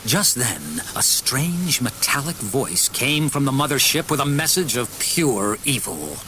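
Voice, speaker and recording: A man narrating a children's storybook audiobook with an expressive, varied delivery. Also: medium pitch, measured pace, slight background noise.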